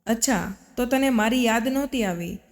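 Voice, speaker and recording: A woman voicing a proud, headstrong young wife who speaks with sharp, indignant reproach, in a storybook reading. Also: fairly high pitch, normal speed, natural voice. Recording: long reverb.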